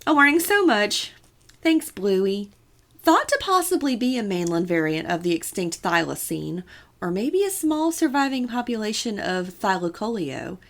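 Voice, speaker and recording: A woman's voice: medium pitch, big pitch swings, normal speed. A woman co-hosting a casual podcast, telling a story with playful asides and a chatty manner. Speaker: podcast co-host.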